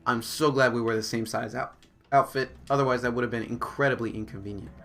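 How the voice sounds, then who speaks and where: A man's voice: mid-range voice, fairly even intonation, fast, gravelly, a bit bright, soft background music. A man doing casual, slangy live commentary on a video game, chatting to viewers and talking to himself and the game's characters.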